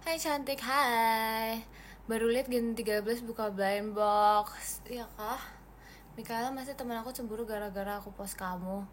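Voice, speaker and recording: A seventeen-year-old Indonesian girl hosting a laid-back livestream chats, reads comments, and thanks viewers individually while mixing in English phrases. Her voice sits on the high side, steady in tone and at normal speed, with slight background noise.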